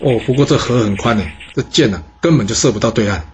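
A man narrating a history story in a lively, animated way. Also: medium pitch, quick pace, a little hiss or hum. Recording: dull lo-fi recording.

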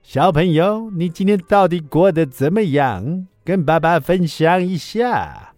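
A man's voice: a little high, animated, darkish tone, no room sound, faint music behind, voice pushed up. A man putting on a goofy mock foreign accent in Mandarin, speaking in an exaggerated sing-song way. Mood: teasing, mock-innocent. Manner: exaggerated sing-song, stretched slow words.

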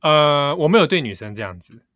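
A man's voice: fairly high pitch, very animated, a bit bright, dry recording, studio quality. A man with a Taiwanese Mandarin accent, co-hosting a casual chat in a playful, teasing way. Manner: playful teasing, quick laughs. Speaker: podcast co-host.

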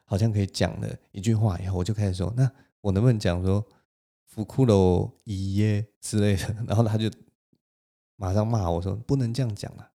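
Low mellow Taiwanese Mandarin man. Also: fast talker. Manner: animated, laughs between lines. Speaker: podcast host. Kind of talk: solo storytelling.

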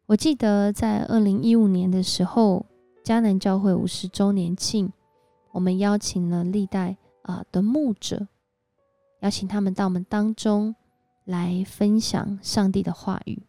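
A woman giving a devotional sermon, telling a story in a lively way with frequent exclamations. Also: mid-range voice, measured pace, no room sound. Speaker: church speaker. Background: faint background music.

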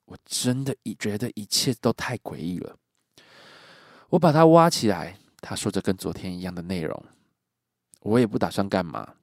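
A man's voice: fairly low pitch, darkish tone, dry recording, studio quality. A man hosting a podcast, bluntly telling a creepy true story and swearing casually.

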